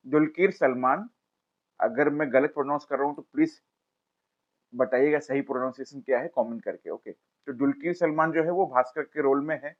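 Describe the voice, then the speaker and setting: A man's voice: on the high side, dull audio. A man giving a casual film review, talking straight to his viewers. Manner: chatty, addresses viewers directly, pleads to subscribe. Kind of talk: casual video review narration.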